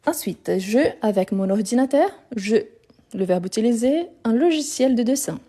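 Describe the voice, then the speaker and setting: A woman's voice: fairly high pitch, expressive, normal speed, mellow. A woman teaching a live grammar lesson over her phone, explaining patiently, repeating words and correcting herself as she goes. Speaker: French teacher.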